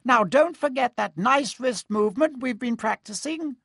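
A man voicing a tiny, excitable old male wizard teacher with a squeaky voice and fussy, encouraging instructions. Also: moderate pace, vocal fry, breathy edge, no room sound, studio quality, heavily acted. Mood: instructive.

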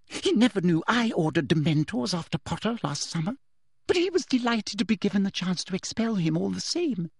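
A man voicing a smug, menacing middle-aged woman official with a breathy, simpering delivery, in an audiobook story. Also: sits high, very animated, brisk, darkish tone, no echo, studio quality, voice pushed up, exaggerated voice.

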